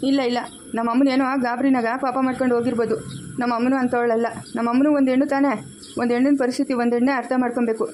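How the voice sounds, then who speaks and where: A woman's voice: fairly high pitch, level tone, racing, darkish tone, a little hiss or hum, natural voice. A woman playing a kind young village groom who talks in a firm, reassuring way, with a Chikkaballapur Kannada accent. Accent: Kannada of the Chikkaballapur region.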